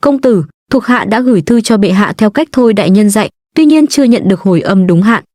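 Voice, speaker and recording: A woman's voice: medium pitch, lively intonation, fairly quick, dark tone, no room sound, studio quality, natural voice. A woman voicing a loyal young male guard who speaks deferentially in a read-aloud story. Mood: respectful.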